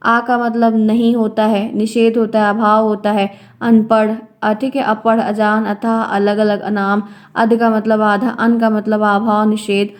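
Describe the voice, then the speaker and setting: A woman's voice: mid-range voice, level tone, unhurried. A woman teaching an exam revision class, explaining grammar terms step by step, often repeating key words and checking in with her students as friends.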